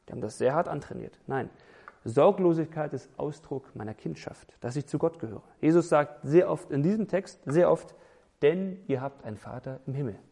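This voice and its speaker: A man's voice: on the high side, normal speed, vocal fry, mellow, husky. A man preaching a sermon, emphatic, building lists and asking rhetorical questions.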